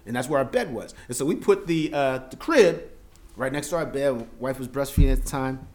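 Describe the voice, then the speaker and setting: A man from the Philadelphia area, a podcast guest telling stories in casual chat, animated and bursting into loud excited exclamations. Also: medium pitch, a little fast.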